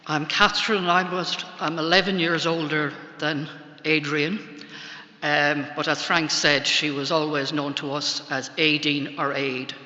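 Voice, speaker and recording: Older Irish woman, low-pitched, tender faltering eulogy, halting pauses, muffled echoey church recording. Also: sharp tone. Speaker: bereaved sister giving thanks at a funeral. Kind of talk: funeral eulogy. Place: large church, speaking to a congregation.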